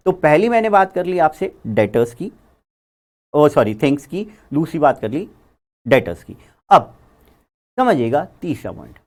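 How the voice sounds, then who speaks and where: Animated male accounting teacher. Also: a little high. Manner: animated, repeats key words, chatty. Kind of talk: classroom lecture.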